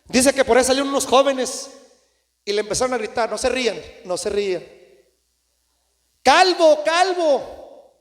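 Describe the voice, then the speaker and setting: A man with a very high voice preaches a fervent sermon. He rises to sudden cries, then drops to low asides to his brothers in the congregation. The church hall rings with a long echo around him. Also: fast talker. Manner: impassioned, swings between shouts and low asides, addresses "hermanos" often. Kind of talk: Pentecostal sermon. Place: church sanctuary.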